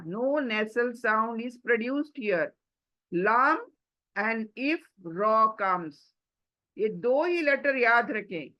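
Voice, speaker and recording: A woman teaching a tajweed class, patiently explaining rules step by step and sounding out recitation examples slowly, mixing English words into her talk. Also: a little high, bright, forceful tone, muffled recording. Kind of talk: slow step-by-step recitation lesson.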